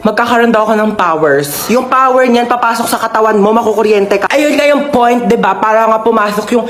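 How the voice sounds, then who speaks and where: A woman acting out comic family skits, playing every role herself and switching quickly between characters, with bursts of shrieks and laughter. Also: fairly high pitch. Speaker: comedy skit performer. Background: music.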